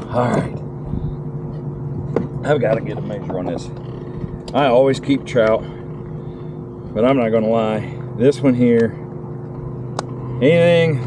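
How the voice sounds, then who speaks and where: A middle-aged man, excitedly fishing from a kayak outdoors and talking to the fish, recorded on a kayak-mounted camera. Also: lowish voice. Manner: excitable, talks to the fish, exclaims loudly. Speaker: kayak angler. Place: kayak on open tidal water, outdoors. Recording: loud wind and water noise outdoors. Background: wind and water.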